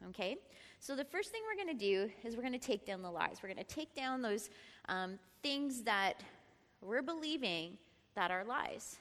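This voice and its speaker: A middle-aged woman leading a church Bible study, lively and often laughing as she prompts the group. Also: fairly high pitch, moderate pace. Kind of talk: Bible teaching talk. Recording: long reverb in a large room.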